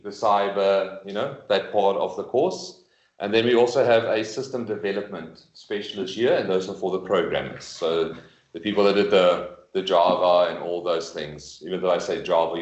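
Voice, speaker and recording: A man's voice: fairly low pitch, highs cut off. A man giving an informal, explanatory presentation to parents at an information evening, speaking conversationally on a video call. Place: room with in-person attendees, streamed on a video call. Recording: echoey room, video call recording.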